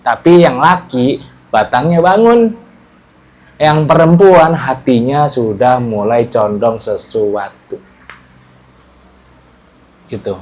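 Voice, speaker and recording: Taking it slowly and pausing often, a man with a medium-pitched voice teaches a relaxed religious study lesson to a small group. He regularly checks that his listeners are keeping up.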